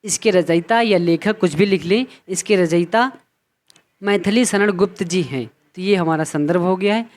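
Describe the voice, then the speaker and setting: A man teaching a poem to students, reciting verse slowly and then explaining it line by line, repeating phrases as he goes. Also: high-pitched.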